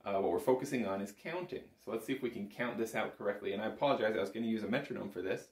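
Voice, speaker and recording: This middle-aged bagpipe instructor talks rapid-fire in a lowish voice during an informal, explanatory lesson to camera, often tossing in "right?". He's filmed on a phone from a short distance in a small music room lined with instruments, and the room echoes noticeably.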